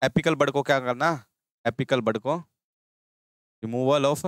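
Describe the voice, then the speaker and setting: A man's voice: medium pitch, takes it slowly, fairly bright tone, no echo. A man teaching an exam-prep agriculture lecture, constantly asking and answering his own questions to drill the key terms. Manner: drills terms with repeated call-and-response questions.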